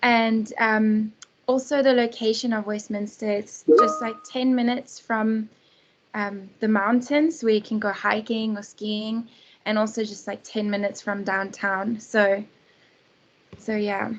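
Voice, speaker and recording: Young woman, student panelist, monotone, muffled call sound. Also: medium pitch, a little slow. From South Africa. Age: young adult. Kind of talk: casual panel answer. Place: video call. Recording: slightly dull call audio.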